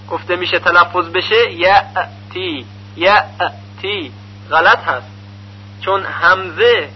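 High-voiced man teaching methodically. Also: breathy edge. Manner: methodical, patient explaining. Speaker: Quran recitation teacher. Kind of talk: instructional lesson. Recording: muffled lo-fi recording with faint hum.

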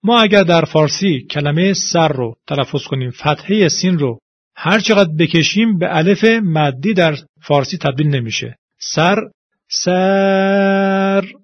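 A man teaching Quran recitation, explaining vowel pronunciation and demonstrating the sounds slowly and deliberately. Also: a little high, breathy edge, dry recording. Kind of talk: explanatory tutorial with spoken examples. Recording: dull lo-fi audio.

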